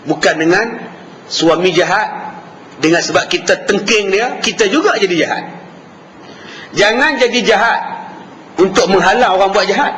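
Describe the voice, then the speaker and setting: A Malaysian Malay man delivers a lively sermon, his voice high and bright as he jumps between acted-out characters. He sounds like he is in a reverberant mosque hall, with a faint hum of background noise. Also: moderate pace, pauses often. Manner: animated, acts out dialogue with shifting voices. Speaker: preacher.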